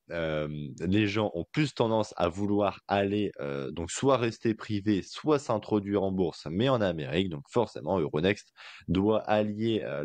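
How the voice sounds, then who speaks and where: Low-voiced guy rambling about stocks on a podcast, lots of "euh", dead dry sound. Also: a little mellow, no echo. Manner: loose and colloquial, many fillers, jokey asides. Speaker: podcast co-host. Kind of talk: casual investing podcast chat.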